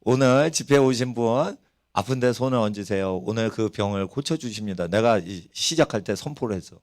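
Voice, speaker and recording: A man's voice: on the low side, moderate pace. A middle-aged man, a pastor, preaching a sermon in church, telling stories and putting questions to the congregation. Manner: animated storytelling preacher, rhetorical questions to the congregation. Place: church sanctuary.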